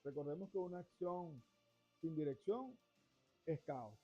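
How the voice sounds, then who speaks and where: Speaking to camera on his finance show, a middle-aged host from Venezuela rambles at length, frequently starting phrases over. His voice sits fairly high and is expressive, warm and slightly rough, with a somewhat slow pace. Faint music plays under a dull, lo-fi recording.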